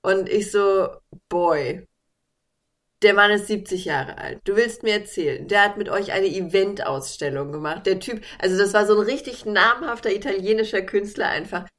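A young woman, an artist, telling a story in casual chat, animated, blunt and sarcastic. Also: mid-range voice, moderate pace.

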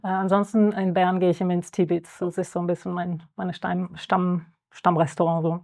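Young woman panelist, low and even, hesitant, thinks aloud. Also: normal speed. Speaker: panel guest. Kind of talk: panel discussion.

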